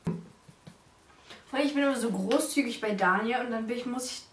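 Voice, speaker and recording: A woman's voice: fairly high pitch, normal speed. A woman in her twenties chatting casually and expressively, complaining with disgust during a food challenge vlog. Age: 20s. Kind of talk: casual chat. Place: living room on a couch. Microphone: camera a step or two away. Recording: roomy, distant mic, loud noise, clatter.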